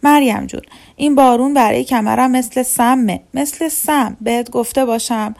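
A woman's voice: on the high side, gravelly, a little mellow, voice pushed up. A woman narrator voicing a large, fussy old woman who dotes and complains, in a storybook reading. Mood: fussing. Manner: fussy, coaxing, complains about her back.

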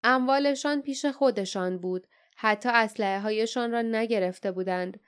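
A woman narrating an audiobook in a measured, even storytelling manner. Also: a little high, clear, resonant tone. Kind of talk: scripted narration.

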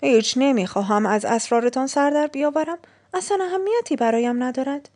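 A man's voice: extremely high pitch, expressive, a little mellow. Woman reading a sly eager father-in-law. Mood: dismissive. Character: sly father desperate to marry off daughters.

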